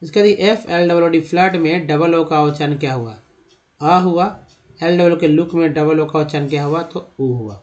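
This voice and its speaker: A man's voice: a little high, moderate pace, a little mellow. A man teaching a lesson, explaining step by step, often asking a question and answering it himself, and addressing viewers as friends. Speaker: English teacher. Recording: dull lo-fi sound.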